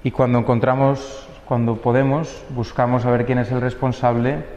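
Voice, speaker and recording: A man's voice: mid-range voice, level tone, normal speed, darkish tone, roomy sound, in a large hall, muffled recording, slight background noise. A young male priest giving an earnest homily, posing rhetorical questions.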